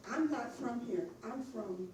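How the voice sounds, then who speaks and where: An older woman from Texas gives a short, testifying account in church. Her high voice swings widely, and she speaks slowly. She is heard from afar in a very echoey room. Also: lively intonation, a little mellow, distant mic, slight background noise. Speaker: visiting church class participant.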